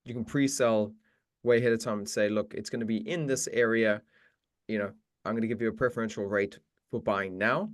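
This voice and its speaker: A man with a lowish, steady voice hosts a live Q and A for meditation teachers, talking briskly and often restarting his sentences. His casual, chatty, encouraging answers come through in a dry, clean studio recording.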